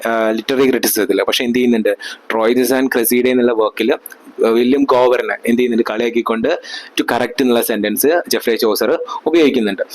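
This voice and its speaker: A young man with a Malayali accent teaching a literature lesson, reading English passages slowly and then explaining them quickly in Malayalam. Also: mid-range voice, fairly even intonation, rough recording. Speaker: literature tutor. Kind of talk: exam-summary lecture.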